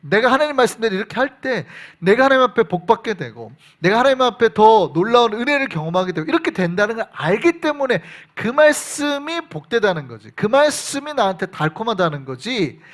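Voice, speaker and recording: A male pastor preaching in a church, with a high voice that swings widely in pitch. He keeps questioning his congregation and leads them along with him. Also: sing-song, fairly quick, fairly bright tone. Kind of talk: sermon.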